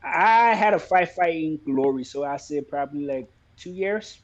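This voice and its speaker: A man from Liberia who fights professionally, talking about his career in a relaxed, plainspoken way in a casual interview. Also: fairly high pitch, normal speed, highs cut off. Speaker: MMA fighter, guest.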